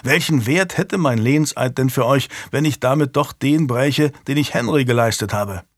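A man voicing a proud, defiant male lord who speaks in a sardonic, measured way, in a dry studio recording. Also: medium pitch, no room sound, close to an everyday voice.

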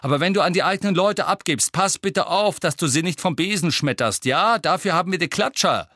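A man's voice: on the high side, animated, pushed and bright, dry recording, clean studio sound, pitched above the performer's own voice. A man voicing a bossy teen girl captain. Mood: commanding. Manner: brisk, commanding.

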